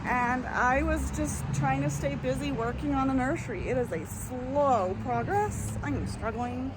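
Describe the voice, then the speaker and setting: A woman chatting casually in a vlog, soft-spoken and often slipping into a whisper, a little out of breath. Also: high-pitched, measured pace, heavy background noise. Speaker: vlogger.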